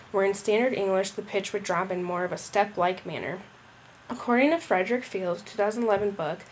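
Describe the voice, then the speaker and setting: A woman's voice: mid-range voice, slight background noise. A young woman reading a school presentation aloud, with occasional slips and restarts. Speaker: student presenter.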